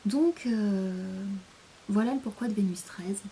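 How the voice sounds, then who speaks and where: French girl rambling on her vlog, lots of "euh", half whispering, low husky fry, bit of hiss. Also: takes it slowly, warm tone. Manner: hesitant, many fillers, drifts in and out of a near-whisper. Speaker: vlogger. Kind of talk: casual rambling monologue.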